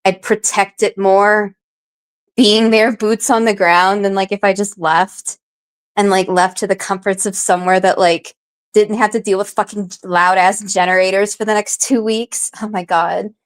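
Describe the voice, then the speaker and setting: A woman's voice: medium pitch, flat delivery, normal speed, clean tone. A woman streamer chatting casually with her viewers, rambling and swearing freely, with lots of filler words as she answers comments. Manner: rambling, profane, filler-heavy. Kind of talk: casual live-stream chat.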